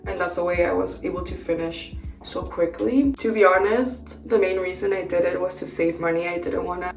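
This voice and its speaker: Young woman with a gravelly, roomy voice. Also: lowish voice. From Peru. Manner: chatty and candid, frequent "like" fillers. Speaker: beauty vlogger. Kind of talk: casual chat during a makeup tutorial. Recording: roomy, distant mic with background music.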